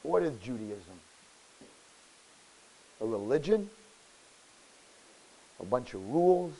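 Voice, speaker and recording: A man from New York, a rabbi giving an animated sermon, telling stories and swinging between loud outbursts and hushed asides. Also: medium pitch, slow, vocal fry, low-quality recording. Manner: expressive, acts out characters' words.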